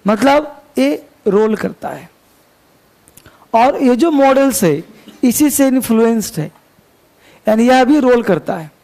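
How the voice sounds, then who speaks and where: A man's voice: very high-pitched, expressive, takes it slowly, vocal fry, pauses often, a little mellow. A man teaching an English grammar class, chatty and joking, quizzing his students as he goes. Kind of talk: classroom lecture.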